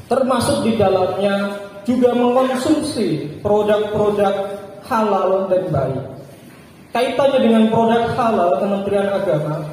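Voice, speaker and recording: Male preacher giving a Friday sermon, high voice, measured short phrases, deep hall reverb. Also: darkish tone, a little hiss or hum. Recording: echoey hall with long reverb.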